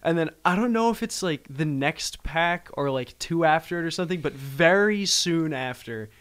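A man's voice: fairly high pitch, animated, moderate pace, a bit bright, clean tone. A man in casual chat, telling stories in a rambling way with lots of fillers. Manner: rambling storyteller with many fillers.

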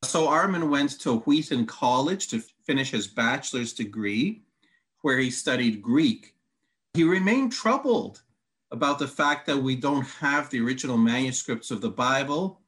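Medium in pitch and fairly bright in tone, this male voice belongs to a Bible teacher whose first language is Hungarian. He is methodical in a teaching conversation, reading extended quotes and setting out his answers as counted points.

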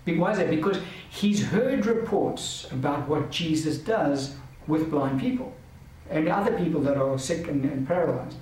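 A man delivers a Bible lesson in an earnest, emphatic voice that sits a little high for a man. He stands back from the microphone, so his voice rings through a very echoey space over a faint hiss. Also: moderate pace, a little mellow, far from the mic. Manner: earnest, emphatic, repeats key points. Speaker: Bible teacher. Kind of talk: teaching lecture.

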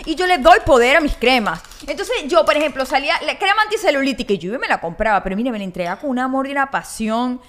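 A woman's voice: high-pitched, animated, fast, hardly any pauses. A middle-aged woman co-hosting a live podcast, speaking emphatically and addressing listeners directly. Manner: emphatic and forceful, talks straight to listeners. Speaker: podcast co-host.

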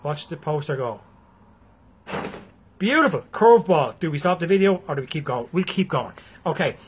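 A man's voice: a little high, expressive, normal speed, slight background noise. A man with an Irish accent giving a blunt, freely swearing motivational talk to his viewers. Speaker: motivational speaker.

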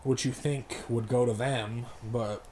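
A man's voice: medium pitch, fairly even intonation, takes it slowly, darkish tone, slight background noise. A man co-hosting a podcast in casual, profane, joking chat, sometimes talking with his mouth full. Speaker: podcast co-host.

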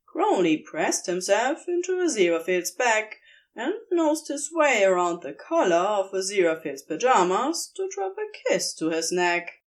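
A podfic reader narrates fan fiction in an audiobook style, relaxed and unhurried, taking her time over each phrase. Her pitch rises and dips a great deal with the sentences, keeping the telling lively and expressive.

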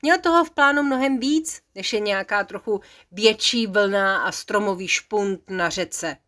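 A mother reading a bedtime story to her child, playful and lively. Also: medium pitch.

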